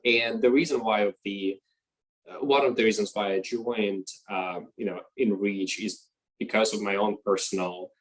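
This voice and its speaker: A young man speaks on a video call, his voice on the lower side. He talks casually and hesitantly, stopping to fill gaps with uh and you know as he introduces himself. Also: steady tone, moderate pace, rough recording. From Russia. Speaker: panelist.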